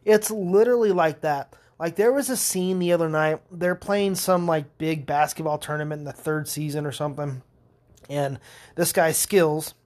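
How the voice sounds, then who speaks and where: A young podcast host rambles through stories in a casual monologue, swearing often and laughing along the way. His voice is a little high and darkish in tone, steady, at a moderate pace.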